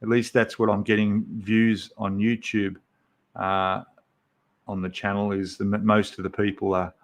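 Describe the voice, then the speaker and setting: A man's voice: on the low side, flat delivery, measured pace. A man, hosting a casual livestream and chatting with viewers in a rambling way with many fillers. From Australia. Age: 50s. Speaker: livestream host.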